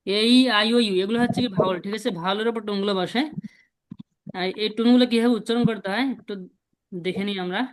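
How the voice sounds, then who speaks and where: A woman's voice: mid-range voice, fairly even intonation, quick pace, no room sound, low-quality recording. A woman teaching a beginner language class, patiently repeating sounds and drilling her students.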